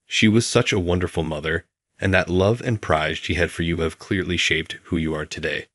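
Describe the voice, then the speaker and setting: A man voicing a kind, humble older woman who speaks softly in a story. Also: low voice, steady tone, moderate pace, no room sound, clean studio sound. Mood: gentle. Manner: soft, gentle speech.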